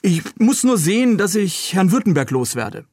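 A man's voice: sits high, very animated, normal speed, a little mellow, dry recording, clean studio sound, voice pushed up. A man reading as a cheerful young rescuer. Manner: cheerful, joking. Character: young friendly helpful man with a dog. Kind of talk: read-aloud novel dialogue.

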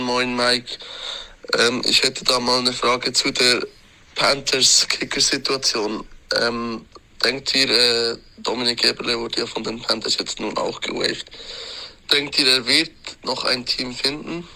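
A man leaving a slow, hesitant voice message with a question for a podcast. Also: medium pitch, flat delivery, creaky, sharp tone, poor audio.

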